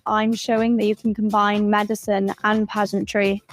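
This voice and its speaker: A woman's voice: medium pitch, flat delivery, normal speed, soft background music. A 22-year-old woman from Wales, on the path to medicine, introducing herself earnestly as a pageant contestant. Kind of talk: recorded self-introduction.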